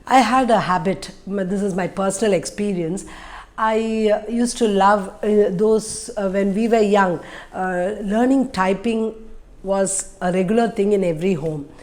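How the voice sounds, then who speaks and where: A woman's voice: mid-range voice, a little mellow. A middle-aged woman with an Indian English accent gives an informal lesson to camera, didactic and emphatic, repeating her key points. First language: an Indian language. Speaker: English teacher giving learning tips. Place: small room indoors.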